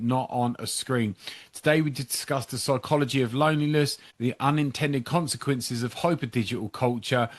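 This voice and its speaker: A man's voice: mid-range voice, dry recording. A man who is a therapist hosting a podcast interview; he reads a scripted introduction and stammers and repeats words in conversation.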